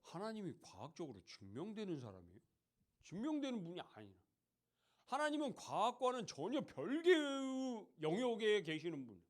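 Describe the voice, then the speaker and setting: In a church hall, a youth pastor speaks to teens at a normal pace, his high voice swinging hugely in pitch. His sermon is conversational, full of questions to the audience and mocking impressions.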